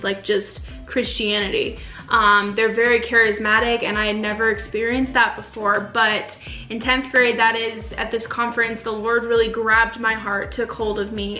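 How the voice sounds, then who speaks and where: Full of ums and likes, a faith vlogger born in Romania talks earnestly while seated in a relaxed video. She is young, with a fairly high, bright, forceful voice, recorded in a roomy space with faint music.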